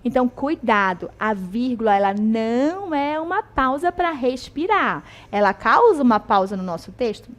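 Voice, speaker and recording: A woman with a Brazilian accent teaches a video class, explaining points in a chatty, conversational way. She keeps checking in with her students through short tag questions. Her voice sits slightly higher than most women's. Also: big pitch swings, moderate pace, hardly any pauses. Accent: Brazilian Portuguese.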